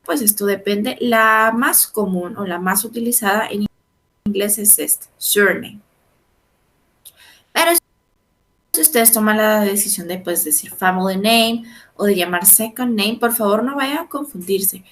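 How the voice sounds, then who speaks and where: A woman's voice: medium pitch, a bit bright. Patient woman teaching English. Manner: explanatory, frequent checks like "¿verdad?" and "¿sí?"; slows down to pronounce English phrases. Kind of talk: online class lecture.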